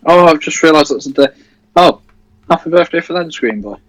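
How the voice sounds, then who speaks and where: A man's voice: on the high side, expressive, brisk, a crowd in the background, low-quality recording. An eighteen-year-old man from Leeds, easygoing and jokey, co-hosting a casual football watchalong stream. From Leeds, England. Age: teens. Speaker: livestream co-host.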